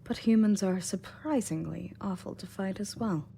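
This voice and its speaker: A woman in an audio roleplay plays a self-assured, no-nonsense rescue agent, delivering a scripted in-character monologue directly to the listener. Her medium-pitched voice moves at a moderate pace, close to how she'd normally talk, with a casual, wry mood. Background noise and ambience are clearly audible.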